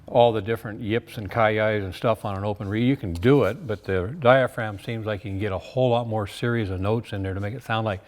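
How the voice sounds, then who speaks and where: A plain-spoken, folksy man who makes game calls informally explains and demonstrates his products. His lowish voice stays fairly even in intonation, and he talks briskly with hardly any pauses, in a reverberant room with a long echo.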